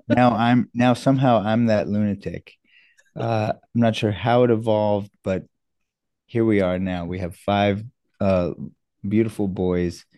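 In a laid-back interview, a guest surgeon from New York, middle-aged, talks sincerely while poking a little fun at himself. He has a low, warm voice. The recording sits close and dry, with no room sound at all.

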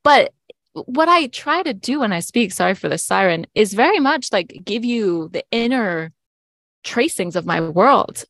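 A woman's voice: mid-range voice, animated, measured pace, fairly bright tone, no echo. Woman in her twenties, meandering and self-questioning. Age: 20s. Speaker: podcast guest. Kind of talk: reflective podcast conversation.

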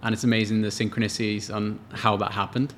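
A man's voice: fairly low pitch, little pitch movement, fast talker, a little hiss or hum. A man in his late twenties, co-hosting a podcast and telling a story in casual chat. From Wales. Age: late 20s. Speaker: podcast co-host.

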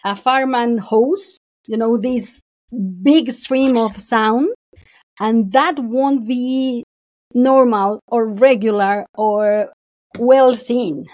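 Her voice is a little high and her pace slow, captured in a dry recording. As a woman guest in an easygoing podcast conversation, she is animated, laughs frequently, and acts out quoted speech.

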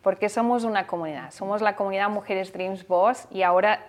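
Woman co-host from Spain, Spanish accent, earnest motivational TV talk, mid pitch. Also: fairly even intonation, a little fast. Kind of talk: television talk show conversation.

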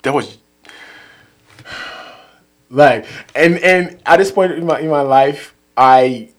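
Liberian-accented man, halting and repetitive. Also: on the high side. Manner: repeats words while searching for phrasing. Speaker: therapist guest. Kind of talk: casual conversation.

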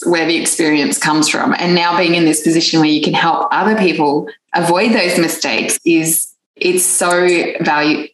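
Woman host, slightly low voice, eager and warm-hearted, echoey room. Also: steady tone, moderate pace. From Australia. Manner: enthusiastic, laughs often. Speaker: podcast host. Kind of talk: casual interview talk.

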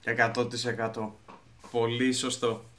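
A man co-hosting a podcast in casual conversation, speaking haltingly with frequent restarts. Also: mid-range voice, level tone, a bit bright. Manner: halting, restarts words, mixes in English terms. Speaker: podcast co-host.

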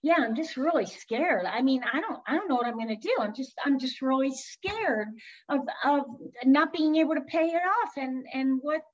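Upset woman friend in halting bursts, quoted by a woman, slightly muffled recording. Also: high-pitched, lightly acted. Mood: scared. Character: anxious, then angry woman friend.

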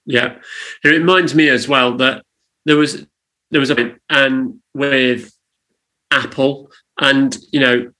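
A man's voice: mid-range voice, steady tone, slow pace, bright, forceful tone, rough recording. A man co-hosting a casual podcast chat, giving advice in an earnest, emphatic, coaching way. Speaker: podcast co-host on church leadership.

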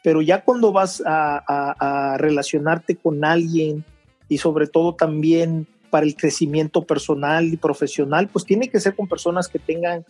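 A middle-aged man from Veracruz, an interview guest telling his story in an unhurried way, with frequent restarts and fillers. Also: on the high side, steady tone, a little mellow, faint music behind. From Mexico (Veracruz). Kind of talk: conversational interview.

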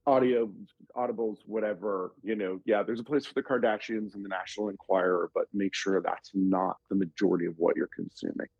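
A man's voice: on the low side, fairly even intonation, brisk, vocal fry, a little mellow, husky, no room sound, dull audio. A man co-hosting a podcast in casual chat, talkative and joking. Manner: chatty, joking, does playful impressions. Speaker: podcast co-host.

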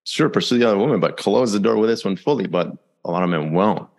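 A man's voice: lowish voice, quick pace, creaky, a little mellow. A man speaking as a guest on a podcast, talking reflectively with "you know" fillers and frequent laughter. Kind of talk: casual conversational interview.

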